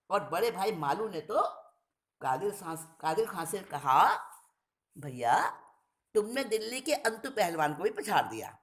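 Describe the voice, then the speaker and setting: A woman voicing a devoted young brother-in-law, speaking lower and earnestly.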